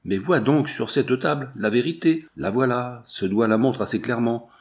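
A man reading aloud, voicing a grief-stricken elderly general who laments in a lower, shaken voice. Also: normal speed, natural voice. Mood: anguished.

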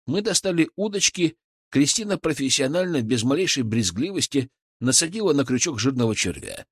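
A man narrating a first-person fantasy audiobook in an expressive, storytelling way. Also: mid-range voice, a little fast, husky, no room sound, clean studio sound.

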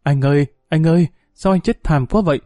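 A man's voice: fairly high pitch, fairly quick, warm tone, no room sound, clean studio sound, lightly acted. A man voicing a grieving young peasant mother in a spoken story, crying out in desperation. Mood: anguished. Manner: wailing, desperate cries.

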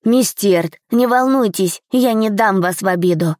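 A woman's voice: medium pitch, unhurried, darkish tone, no room sound, clean studio sound, close to an everyday voice. A woman voicing a playful, loving four-year-old boy prince in an audiobook, with a raised childlike voice. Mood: excited. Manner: raised childlike voice, eager and pleading. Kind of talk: audiobook character voice.

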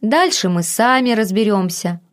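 A woman's voice: mid-range voice, lively intonation, unhurried, natural voice. A woman voicing a cocky, sarcastic man who teases and scolds. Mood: mocking. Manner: sardonic, teasing. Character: mocking, cocky young man, sharp-tongued.

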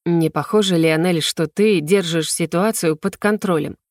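A woman's voice: fairly low pitch, normal speed, dry recording, studio quality, lightly acted. A woman voicing a cold, stern male demon lord who questions his wife in an audiobook. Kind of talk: audiobook character voice.

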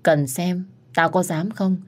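A woman's voice: fairly low pitch, fairly even intonation, takes it slowly. Woman playing a cocky, teasing young servant. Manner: brash, teasing.

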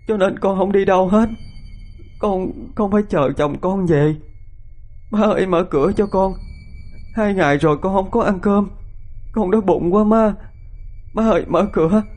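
A man voicing a weak young wife who begs and cries in high, strained tones. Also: darkish tone.

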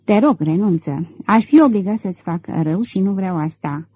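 Woman voicing a suave gentleman thief. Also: medium pitch, animated, breathy edge, dry recording, rough recording. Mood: gently warning. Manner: self-assured, cool and controlled. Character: suave middle-aged male gentleman thief. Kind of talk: audiobook character reading.

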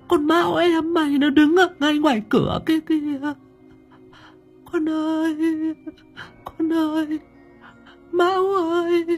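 A woman voicing a frantic village mother who is desperately crying out for her lost daughter in an audiobook. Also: high-pitched. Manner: wailing, crying out in despair. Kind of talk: audiobook drama reading.

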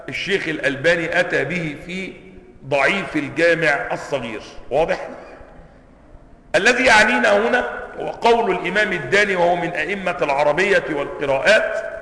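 A man's voice: a little high, sharp tone. An Egyptian man, a sheikh teaching Quranic sciences, who explains points, asks his class questions and repeats words to show how they are pronounced. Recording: echoey hall, long reverb.

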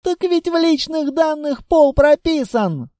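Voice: high voice, animated, a little slow, warm tone, no room sound, studio quality, voice pushed up. An audiobook reader voicing a weary, sarcastic companion who mocks and explains with exasperation. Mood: mocking. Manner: mocking, exasperated.

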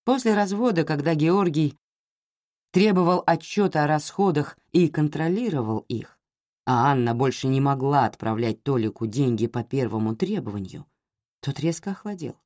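Low-voiced woman narrating a novel. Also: expressive, moderate pace, warm tone, no room sound, studio quality. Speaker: audiobook narrator.

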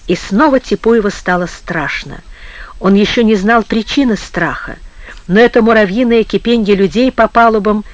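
Casting: male narrator, high tenor, measured expressive storytelling, dry booth sound. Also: no room sound, highs cut off. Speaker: audiobook narrator. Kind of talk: literary audiobook narration.

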